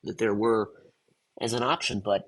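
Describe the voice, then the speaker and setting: A man who is under the weather with a cough, husky and congested, haltingly thinking aloud as he hosts a casual word puzzle video. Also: lowish voice, steady tone, low-quality recording.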